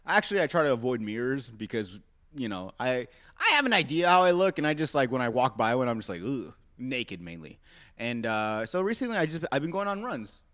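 Podcast host, man from Arizona, bright tone, lively pitch; rambling and self-mocking. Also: a little fast. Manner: rambling, self-mocking, talks straight to listeners. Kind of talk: casual solo podcast rant.

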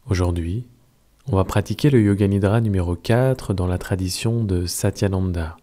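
A man with a French accent guiding a yoga nidra meditation, giving slow, calm, soft-spoken instructions. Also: deep voice. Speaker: meditation guide.

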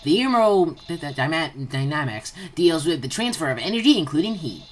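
A woman giving excitable gameplay commentary, blurting out reactions and reading game dialogue aloud. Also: low-pitched, normal speed, a little hiss or hum. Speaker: gamer recording gameplay.

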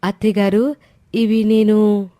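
A woman voicing a young, gentle daughter-in-law who speaks softly and deferentially. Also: mid-range voice, level tone, slow, no room sound, clean studio sound, voice pushed up, lightly acted. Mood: humble. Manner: soft, deferential.

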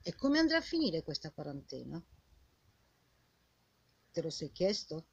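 An older woman with a husky old woman's voice delivers an indignant, scolding monologue straight at the listener, full of rhetorical questions and repeated phrases. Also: sits low, very animated, unhurried, a little hiss or hum. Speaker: vlogger. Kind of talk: impassioned informal monologue addressed to the viewer. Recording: dull lo-fi sound.

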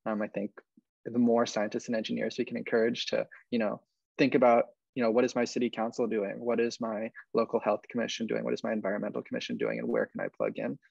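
A young man answers panel questions over a video call, rattling along quickly with plenty of "um"s. His voice is gravelly. The sound is dry and a little dull. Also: mid-range voice, darkish tone, no room sound. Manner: fast, filler-heavy, earnest. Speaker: panelist, science advocacy organizer.

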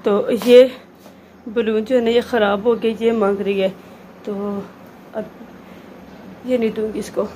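A woman, a mother quietly narrating her housework at home in a casual vlog. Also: flat delivery, takes it slowly, long pauses, a little hiss or hum. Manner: soft, low-key running commentary on chores. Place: home indoors.

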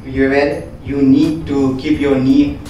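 A man's voice: mid-range voice, flat delivery, slow, dark tone, muffled recording, slight background noise. A man, a fitness trainer walking through home gym equipment in a casual, explanatory way, recorded in a small room. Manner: explanatory, repeats "we do have". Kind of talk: equipment walkthrough. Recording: echoey room, distant from mic.

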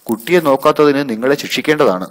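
A man voicing an angry woman dog owner who shouts accusations in a shrill voice. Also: expressive, fast talker, big-room sound, close to an everyday voice. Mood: indignant shouting.

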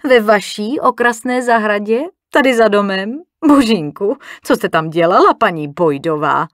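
A woman's voice: fairly low pitch, sing-song, dry recording, clean studio sound. A woman reading an audiobook, voicing a mischievous, provocative society woman with a teasing, needling manner.

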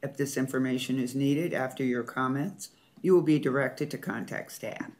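A man chairs a formal meeting as board president, reading out agenda items and calling motions and votes. His voice is mid-range and darkish in tone, delivered at a moderate pace.

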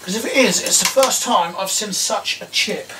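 A middle-aged Englishman with a high voice talks at a normal speed, muttering and questioning himself as he tinkers with old electronics for a video. He's in a small tiled workshop, picked up by a camera mic set a little away. Tools click and clatter on the bench, making the background clearly noisy.

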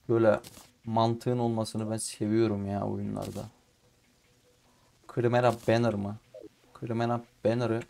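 A young man with in-ear headphones, chatting casually as he plays and often swearing or shouting at the game. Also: fairly low pitch, creaky. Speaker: gaming YouTuber. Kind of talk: casual let's-play commentary. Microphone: in-ear headphones with mic.

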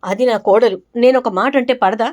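A woman's voice: fairly high pitch, fairly quick, darkish tone, natural voice. Woman voicing a bitter harsh mother-in-law. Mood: resentful. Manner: harsh, resentful.

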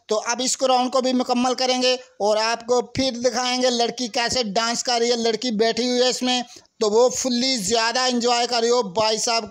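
A young man with a Pakistani Urdu accent giving chatty, excitable commentary over a car stunt game, often calling out to his viewers. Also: extremely high pitch, smooth. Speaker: gaming channel host. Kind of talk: casual gameplay commentary.

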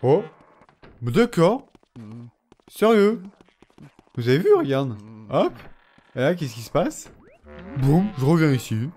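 A young man giving casual gameplay commentary, chatting to the characters on screen with sudden excited outbursts. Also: fairly high pitch, unhurried, long pauses, breathy edge, faint music behind. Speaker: let's play gamer.

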